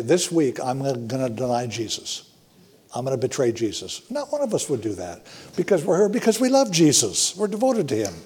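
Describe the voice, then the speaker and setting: A middle-aged man preaching a sermon to his congregation, earnest and emphatic with frequent pauses and restarts. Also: a little high, mellow, slightly rough. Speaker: pastor.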